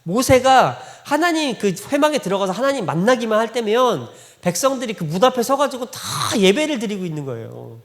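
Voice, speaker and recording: A man with a high, very animated voice preaches a Sunday sermon, swooping up and down as he tells stories casually and plays out the dialogue. His voice rings through a church hall with a long reverb tail. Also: fairly quick. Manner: conversational storytelling, acting out quoted dialogue, frequent laughter. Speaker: pastor. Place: church sanctuary.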